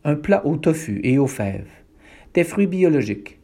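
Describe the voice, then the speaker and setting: Earnest activist girl, voiced by a man: raised pitch, preachy, lively, husky undertone. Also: a little slow, full character voice. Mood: cheerful. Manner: indignant, preachy. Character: earnest young girl, animal-rights activist.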